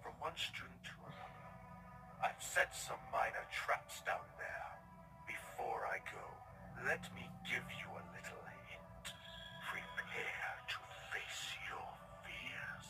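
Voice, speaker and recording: A man voicing a sinister exiled unicorn king, breathy and whispery, taunting slowly and theatrically in a fan comic dub. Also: medium pitch, animated, heavily acted. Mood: ominous. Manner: menacing, slow theatrical taunting. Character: sinister exiled unicorn tyrant king, patient, seductive, vengeful. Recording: distant voice under loud music.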